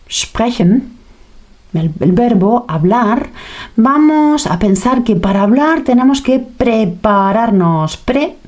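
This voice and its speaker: A woman leads a language lesson at an unhurried pace, taking her time over each word. She keeps it playful, acting out sounds and small reactions to make the words stick. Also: fairly high pitch, darkish tone. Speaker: language teacher. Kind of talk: teaching lesson.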